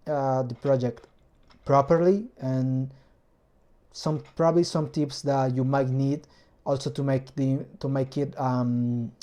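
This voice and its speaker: A native Spanish speaker with a matching accent chats casually in a vlog about his hobby engine build, pausing often to find words in his second language. His mid-range voice is steady and warm, though the audio sounds dull.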